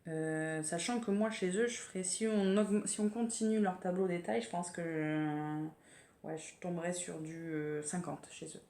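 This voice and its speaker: Speaking at a normal pace in a fairly low, mellow voice with fairly even intonation, this French sewing vlogger talks casually about her projects on a podcast. She's hesitant and chatty, full of fillers and restarts, in an echoey room with faint ambience.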